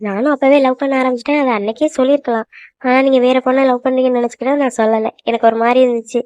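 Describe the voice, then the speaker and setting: A woman voicing a shy, sweet young woman in love in a cartoon, speaking gently and reassuringly. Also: high-pitched, fairly even intonation, racing, close to an everyday voice. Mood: hurt. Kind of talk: cartoon voice acting. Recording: dull lo-fi, dry.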